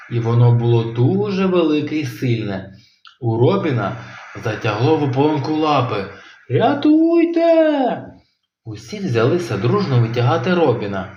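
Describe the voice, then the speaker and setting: A man narrating a children's audio tale in an animated, expressive way. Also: mid-range voice, a little hiss or hum. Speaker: storyteller. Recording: roomy, slightly dull home recording.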